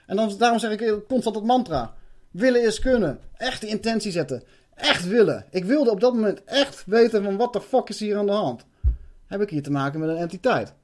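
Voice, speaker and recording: A man's voice: high voice, animated, fairly quick. A man recounting a personal spiritual experience in an intense way, swearing and restarting his sentences.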